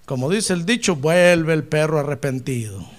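A male pastor preaching a sermon, telling stories and rising to shouted praise. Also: on the high side, animated, moderate pace.

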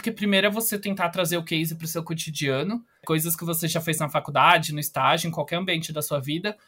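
Brief: young Brazilian trainee, man, earnest explainer, slightly high, crisp bright tone. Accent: Brazilian Portuguese. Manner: earnest, explanatory, giving tips. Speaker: company trainee, interviewee. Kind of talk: casual interview answers.

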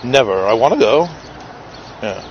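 Here the New York street video creator speaks at medium pitch, animated but a little slow, with slight background noise. He's outdoors in a city park, loosely chatting with strangers and doing a vlog recap, rambling and using fillers, all captured in dull lo-fi street audio.

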